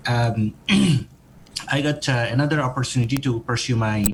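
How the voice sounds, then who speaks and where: A man's voice: mid-range voice, moderate pace, a little hiss or hum, low-quality recording. A man from Nepal, a doctoral student, answering podcast interview questions in a hesitant way with many fillers and restarts.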